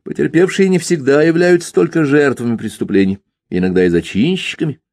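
A man's voice: fairly high pitch, brisk, darkish tone, dry recording, pitched above the performer's own voice. A man voicing a cynical, bigoted male police investigator who questions with dry, needling remarks.

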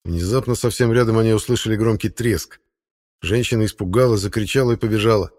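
A man reading a first-person novel aloud as an audiobook narrator, in a steady, matter-of-fact storytelling manner. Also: on the low side, fast.

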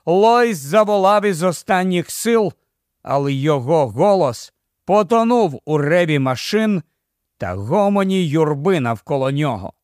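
A man narrating an audiobook in a slow, expressive storytelling manner. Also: on the high side, no echo. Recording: dry close studio sound.

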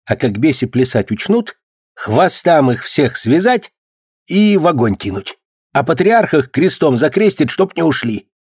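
A man's voice: fairly high pitch, sing-song, unhurried, a little mellow, slightly rough, dry recording, studio quality, pitched above the performer's own voice, full character voice. A man voicing a boastful, gossipy male street trader who claims to know everything.

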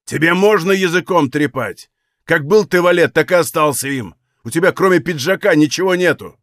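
A man's voice: medium pitch, lively intonation, moderate pace, no echo, clean studio sound, close to an everyday voice. A man voicing a grim, hot-tempered Cossack officer who speaks coldly and threateningly. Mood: furious. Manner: cold, harsh, threatening.

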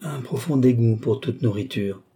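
A man voicing a modest, ailing young woman who answers softly and with restraint. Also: medium pitch, moderate pace, slightly rough, natural voice. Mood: reserved, troubled.

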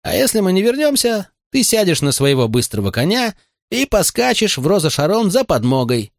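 A level-headed frontier sheriff who speaks firmly and calmly, with lively pitch movement, as a male narrator acts him. The take is dry and close. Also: normal speed, vocal fry, no room sound, full character voice. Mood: firm steady. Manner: firm, calming.

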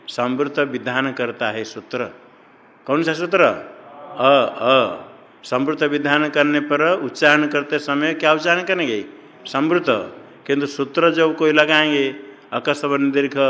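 A man's voice: fairly high pitch, pushed and bright. A man teaches Sanskrit grammar in a classroom lecture. He asks questions, answers them himself, and chants the rules in a sing-song tone. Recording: long reverb of a hall.

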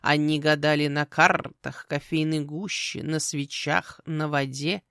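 Woman doing a pompous croaking raven spirit. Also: low-pitched, flat delivery, fairly bright tone, no room sound, studio quality, exaggerated voice. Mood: lecturing. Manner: slow, self-important, croaking lecturer. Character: pompous, ever-hungry male raven family spirit. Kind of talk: audiobook character voice.

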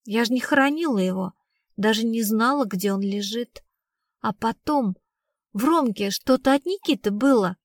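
Brash streetwise girl talking slang, woman reading it, kinda high, dry close sound. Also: normal speed, no echo, natural voice. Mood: flat. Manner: slangy, blunt storytelling. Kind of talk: audiobook reading.

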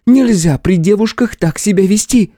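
A man's voice: sits high, normal speed, dark tone, dry recording, studio quality, voice pushed up. A man voicing a stern young woman who scolds her younger sister, in an audiobook. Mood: scolding.

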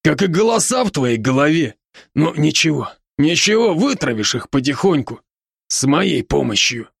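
A man playing a brash gravelly werewolf buddy. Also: on the high side, big pitch swings, no echo, clean studio sound, heavily acted. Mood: brash teasing. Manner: brash, teasing, rapid-fire banter. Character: boisterous, joking adult male werewolf friend. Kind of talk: audiobook character voice.

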